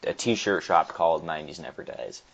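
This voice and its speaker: A man's voice: very deep voice, vocal fry, muffled recording, slight background noise. A young man co-hosting a podcast in a casual, joking chat. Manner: laid-back, joking, drawn-out speech. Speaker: podcast co-host.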